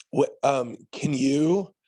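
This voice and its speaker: Man, mid pitch, hoarse, hesitant trainee on a call. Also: warm tone. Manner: hesitant, halting questions. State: hoarse, losing his voice.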